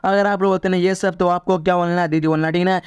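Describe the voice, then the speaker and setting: Male Hindi English tutor, high flat voice, repetitive drilling delivery. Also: fast, smooth, dry recording, clean studio sound. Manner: repetitive quiz-style drilling with "theek hai na?". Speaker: English teacher. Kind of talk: Hindi-language English lesson.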